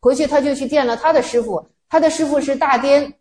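A woman's voice: high-pitched, quick pace, darkish tone. A woman Buddhist teacher giving a dharma talk, telling stories and acting out quoted lines. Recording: roomy echo.

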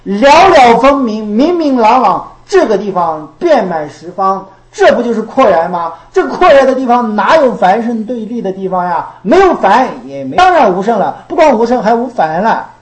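A woman's voice: mid-range voice, big pitch swings, normal speed, few pauses, darkish tone, reverberant, poor audio. A woman giving a Buddhist dharma talk. She repeats her phrases and asks rhetorical questions. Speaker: Buddhist teacher.

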